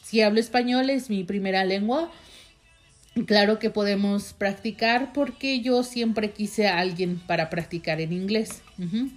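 Soft background music sits under a young woman's mid-range voice as she speaks a little slowly with a Mexican accent. She's a vlogger sharing a personal story, talking casually and tangentially, full of fillers and direct remarks to the audience.

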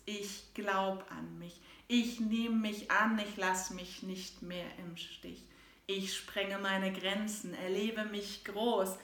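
Female author reading her own rhymed text aloud, unhurried, rhythmic, soft-to-loud dynamics, roomy echo. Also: mid-range voice. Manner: rhythmic rhyming recital, shifting between soft and loud. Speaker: author and host. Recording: echoey room.

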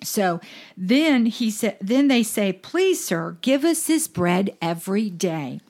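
Woman minister, mid-pitch, earnest scripture reader who slows for emphasis. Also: animated, a little mellow. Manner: earnest, slows down to stress verses. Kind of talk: reading and explaining scripture.

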